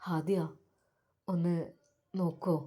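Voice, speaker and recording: A woman voicing a gentle young male doctor who speaks softly in a low, pleading voice. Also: flat delivery, slow pace.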